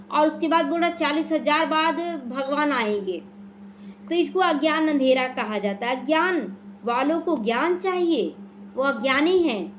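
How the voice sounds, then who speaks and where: A woman's voice: high-pitched, slight background noise. A woman teaching a devotional class, explaining scripture and answering her own questions. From India. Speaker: spiritual teacher explaining the daily murli. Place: small prayer hall.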